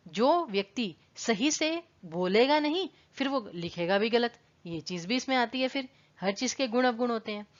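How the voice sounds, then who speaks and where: A woman's voice: fairly high pitch, dull audio. A woman teaching an online exam-prep lesson, explaining patiently and repeating words to contrast their pronunciation. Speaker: Hindi teacher.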